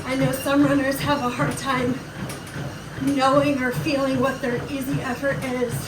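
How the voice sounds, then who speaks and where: A high-pitched woman speaks unhurriedly in a level tone, coaching viewers casually as she runs on a treadmill. She sounds encouraging and reassuring, though the roomy, distant recording is full of loud machine noise.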